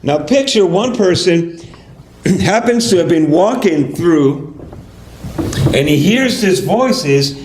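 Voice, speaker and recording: A male pastor telling a parable at a fundraiser, in a halting style with many fillers. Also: high-pitched, expressive, a little mellow. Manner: halting, filler-heavy storytelling. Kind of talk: sermon storytelling. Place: fundraiser event hall. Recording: echoey hall, faint noise.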